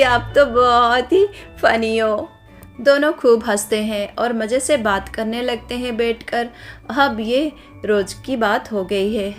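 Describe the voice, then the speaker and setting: A woman narrating a cartoon story in a plain, steady storytelling manner. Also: on the high side.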